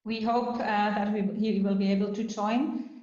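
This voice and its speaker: A woman's voice: mid-range voice, level tone, normal speed, mellow. A woman moderates an online workshop over a video call, walking people through the steps with plenty of um fillers. Her voice sits in a roomy space, and the audio is a little dull. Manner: orderly, explains steps with frequent um fillers.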